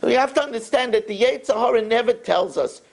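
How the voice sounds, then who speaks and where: An older man, a rabbi, preaching a sermon and telling stories in an animated way. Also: very high-pitched, quick pace, gravelly. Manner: animated storyteller who acts out voices.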